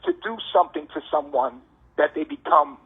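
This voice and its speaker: Calling from jail over a tinny prison phone line, a man rants in a heated monologue, insistent and preachy, repeating himself. His voice is a little high and a little fast, creaky and husky, with lively intonation.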